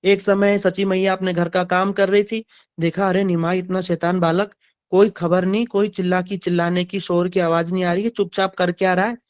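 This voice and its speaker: High, clear-voiced male storyteller. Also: normal speed, dry recording. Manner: animated storytelling, asks the audience. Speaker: spiritual storyteller. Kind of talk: devotional story sermon.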